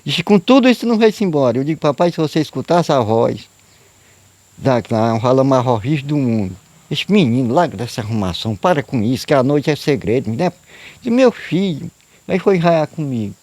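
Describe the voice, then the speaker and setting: A man speaking at an everyday middle pitch, spinning a long spoken tale. His talk loops and repeats, full of little tag questions. The sound is dry and close, with no room echo. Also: animated, moderate pace, darkish tone. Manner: rambling, repetitive folksy narration with frequent "né?" and "eu digo". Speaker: storyteller guest. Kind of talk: casual spoken storytelling of a true tale.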